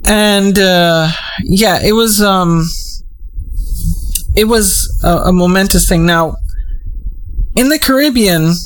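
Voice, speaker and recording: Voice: medium pitch, takes it slowly, long pauses, faint music behind, low-quality recording. A host from Trinidad and Tobago giving a casual explainer monologue, meandering and digressive as they think aloud.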